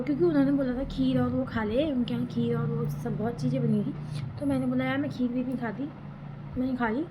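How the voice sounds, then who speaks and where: A young woman vlogger telling a personal story in a chatty, rambling, emotional way. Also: fairly high pitch. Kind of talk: casual storytelling vlog. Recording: background noise.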